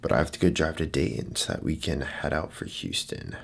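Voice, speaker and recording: A man talking casually to his vlog camera on the go, chatty and relaxed with lots of filler words. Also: very deep voice, fairly quick, creaky, husky. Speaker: fitness vlogger. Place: on the go: home, car, mall, airport. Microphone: camera-mounted shotgun mic. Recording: background music mixed under voice.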